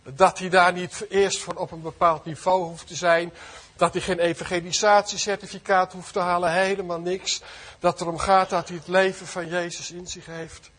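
A middle-aged male preacher delivers a sermon in a church service, earnest and fervent. His voice is high for a man and husky, and he keeps putting rhetorical questions to the congregation. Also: flat delivery, moderate pace, few pauses, fairly bright tone.

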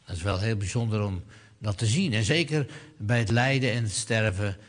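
A man preaching a sermon who speaks to his listeners directly, hesitates with fillers, swells to loud proclaiming and then drops low and quiet. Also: moderate pace.

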